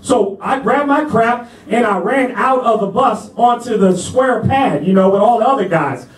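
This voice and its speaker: A man's voice: very high voice, animated, normal speed, reverberant, distant mic, low-quality recording. A man doing stand-up, telling a story in a laid-back, chatty way and checking in with the crowd as he goes. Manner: laid-back, chatty, asks the crowd "you know what I'm saying". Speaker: stand-up comedian. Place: comedy club stage.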